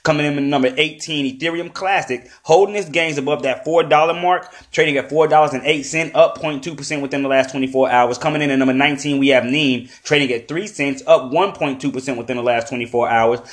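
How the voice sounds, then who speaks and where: A man's voice: fairly high pitch, steady tone, fast, hardly any pauses. Male podcast host, top ten countdown read, informal, repeating announcer-style list pattern. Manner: repetitive announcer-like list delivery; informal, addresses listeners as family.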